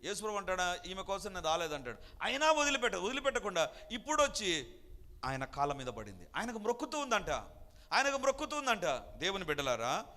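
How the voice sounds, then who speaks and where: A man preaching a sermon with a high, bright voice that swings widely in pitch. He talks emphatically and acts out the people in the story. His voice rings with long reverb. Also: big pitch swings, quick pace. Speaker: pastor.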